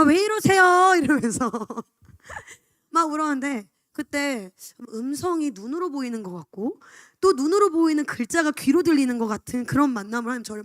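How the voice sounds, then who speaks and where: Young woman telling her church testimony, kinda high voice, dry sound, really open and honest. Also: no echo. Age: 20s. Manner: candid, confessional storytelling. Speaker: church education staff member. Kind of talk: personal testimony.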